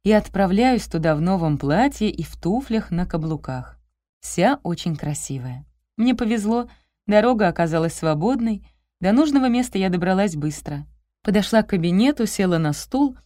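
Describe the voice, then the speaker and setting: A woman narrating a light detective story in the first person as an audiobook, with a lively storytelling manner. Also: mid-range voice, moderate pace, dry recording, studio quality.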